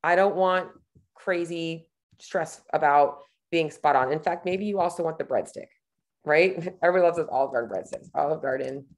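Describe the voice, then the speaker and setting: Woman, 30s, low voice, casual coach, thinking aloud, webcam tutorial. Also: moderate pace. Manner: casual, chatty, thinks aloud while clicking. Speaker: nutrition coach. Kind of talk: screen-share tutorial.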